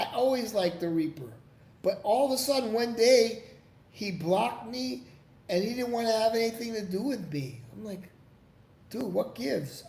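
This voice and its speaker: Answering his viewers on a casual livestream, a man wanders off-topic, curses freely, and restarts constantly. His high voice is gravelly with a darkish tone, and the echoey room has faint noise in the background.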